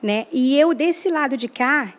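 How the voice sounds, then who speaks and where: Woman with a slightly high voice telling her testimony, earnest, acts out the dialogue she remembers. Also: unhurried. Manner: earnest, re-enacts dialogue, frequent "né?". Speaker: guest giving a testimony. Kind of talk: emotional personal storytelling.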